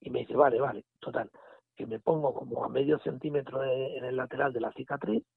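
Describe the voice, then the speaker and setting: Gravelly man from on a phone line. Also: mid-range voice, fairly quick, no room sound. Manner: animated retelling with quoted dialogue and restarts. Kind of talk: casual storytelling.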